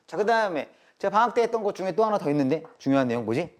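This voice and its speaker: A slightly high-pitched man teaches a live math class, tossing rhetorical questions at the room and checking in with a firm "got it?". He swings between polite phrasing and casual banter with his students. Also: big pitch swings, racing. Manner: mixes polite and casual speech, drills with "알겠습니까?".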